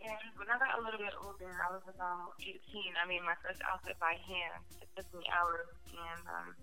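A young woman from New Jersey calls in to a podcast over a phone line. Her voice is bright and clear, and she chats in an easygoing way, full of fillers. Faint music plays behind her. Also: lowish voice, flat delivery, a little fast. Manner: easygoing, chatty, lots of fillers. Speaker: guest caller, clothing designer. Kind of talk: casual phone interview. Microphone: earbuds over phone line.

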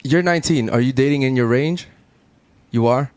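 Brash podcast host guy, curses a lot, talks fast and loose, dry close sound. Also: mid-range voice, a little mellow, clean tone, no room sound. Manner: brash, profane, rapid-fire. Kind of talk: casual podcast chat. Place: Miami studio.

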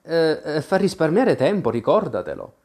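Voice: medium pitch, very animated, moderate pace, darkish tone. A storyteller voicing an eager, imaginative little girl in an audiobook, talking fondly and with a lilting lift. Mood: chattering fondly.

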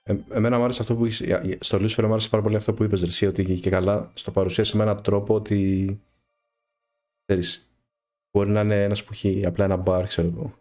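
A man co-hosts a casual chat, loose and slangy in his phrasing. His voice is low, and faint music sits underneath. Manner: relaxed, slangy, short interjections. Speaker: podcast co-host.

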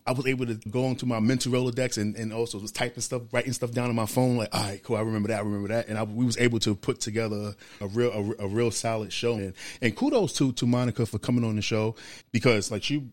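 A young man co-hosting a casual podcast, telling stories in a lively, slangy way. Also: medium pitch, quick pace, no echo, studio quality. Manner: animated storyteller, slangy and laughing. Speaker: podcast co-host.

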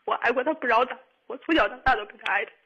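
A woman of twenty-two calling a radio show, upset and tearful, speaking in halting, repetitive bursts. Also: fairly high pitch, bright, forceful tone, husky, dull audio. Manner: halting, repetitive, restarts often. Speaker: caller. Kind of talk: radio call-in.

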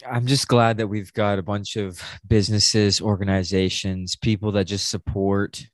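A man's voice: fairly low pitch, little pitch movement, moderate pace, no echo. A man co-hosting a podcast, chatting casually in a joking, slangy way. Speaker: podcast co-host. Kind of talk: casual chat.

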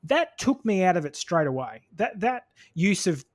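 Animated opinionated man, slightly high voice. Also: normal speed. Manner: animated, opinionated, acts out quotes. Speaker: podcast co-host. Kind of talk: casual review chat.

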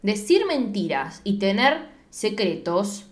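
A woman with an Argentine accent talks through a film plot in a relaxed, conversational way. Her speech is slangy and full of casual swearing, with a mid-range voice. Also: mid-range voice, slow. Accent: Argentine Spanish. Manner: chatty, slangy, swears freely.

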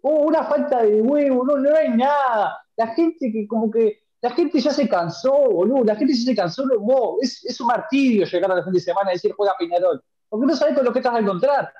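Ranting young Uruguayan man, high voice. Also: animated, fairly quick, hardly any pauses, dark tone, muffled recording. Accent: Uruguayan Spanish. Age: 20s. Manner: ranting, profane, repeats words. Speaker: podcast co-host. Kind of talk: heated football chat.

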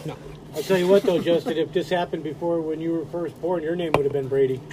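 A man's voice: fairly high pitch, steady tone, fast, a crowd in the background, poor audio. A middle-aged man chatting earnestly on a podcast with his son, telling stories in a casual way. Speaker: host's father, co-host. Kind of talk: casual chat.

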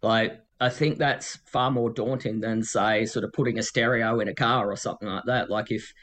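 A man's voice: lowish voice, fairly even intonation, moderate pace, a bit bright. A man with a Tasmanian Australian accent chatting casually as an interview guest, rambling and self-deprecating.

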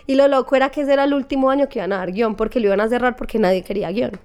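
A woman's voice: on the high side, very fast, smooth. A young woman with a Medellín accent, a guest in a casual interview, telling stories animatedly and acting out what people said. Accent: Colombian, Medellín. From Colombia. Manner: animated, acts out quoted voices. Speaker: guest, assistant director.

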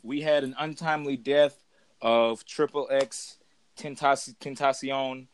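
A man's voice: mid-range voice, steady tone, unhurried, clear, resonant tone. A man hosting a casual podcast with friends, loose, profane and a little drunk, laughing often. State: tipsy. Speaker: podcast host.

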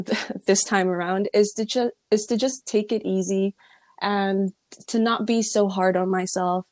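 A young woman from the Middle East or North Africa, chatting in a relaxed, reflective way with frequent ums and likes. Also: mid-range voice, dry recording, clean studio sound. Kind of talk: casual chat.

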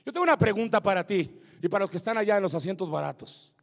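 A male pastor preaching a sermon, moving between shouted climaxes and hushed asides. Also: sits high, animated, fast, creaky, big-room sound. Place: church sanctuary with congregation.

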